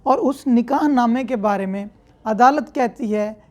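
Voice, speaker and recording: Her voice sits on the high side with a darkish tone, and she keeps a measured pace on a lo-fi recording. This Pakistani-accented law teacher gives an explanatory lecture, reading the English statute, explaining it in Urdu one step at a time, and rephrasing her points.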